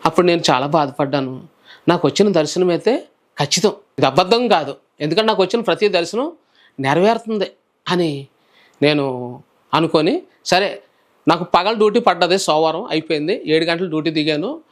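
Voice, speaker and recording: A man who is a preacher, telling his personal testimony in a calm, soft-spoken way during an interview. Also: on the high side, moderate pace, long pauses.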